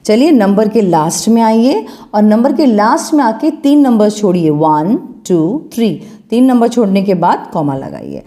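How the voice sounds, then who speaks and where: A woman's voice: fairly high pitch, huge pitch swings, moderate pace, hardly any pauses, dark tone. A woman maths teacher with an Indian English accent, explaining step by step and checking with her students. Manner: patient, checks in with questions. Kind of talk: step-by-step lesson while writing.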